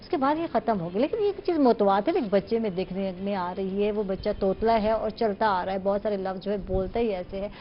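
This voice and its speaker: A woman with a Pakistani Urdu accent hosting a morning TV talk show, chatty and playful, with quick back-channel replies. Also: mid-range voice, dull audio. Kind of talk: casual TV talk show chat.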